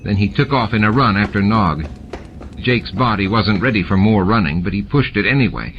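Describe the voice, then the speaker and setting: The narrator is a man whose voice is on the low side, telling a scripted story at a normal pace in audiobook style. Sound is muffled, and background noise plus ambient effects come through clearly.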